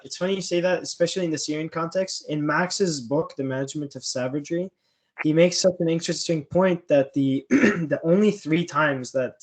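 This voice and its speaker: A man with a slightly high voice talks through a casual political podcast conversation. His delivery is dry and sarcastic, and he breaks into small chuckles as he speaks. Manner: sarcastic, chuckling mid-sentence.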